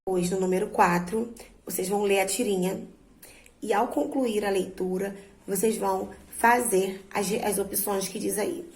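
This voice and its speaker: Woman teacher going over homework, slow and patient, bit of vocal fry. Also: medium pitch, fairly even intonation, darkish tone, reverberant, low-quality recording. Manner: slow, patient, stresses syllables by drawing words out. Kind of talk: remote lesson walking students through exercises.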